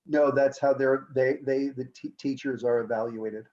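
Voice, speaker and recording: A man of middling pitch explains how teachers are evaluated, talking conversationally and giving everyday examples. He often restarts his words, and the audio sounds slightly muffled. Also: fairly even intonation, moderate pace, a little mellow. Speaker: school administrator. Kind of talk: explaining in a meeting.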